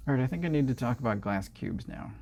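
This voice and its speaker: A man co-hosting a movie review podcast in casual conversation. He speaks bluntly and gets exasperated when he rants about things that bother him. His voice sits at an ordinary middle pitch. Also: animated, quick pace, creaky, a little mellow, a little hiss or hum. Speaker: podcast co-host.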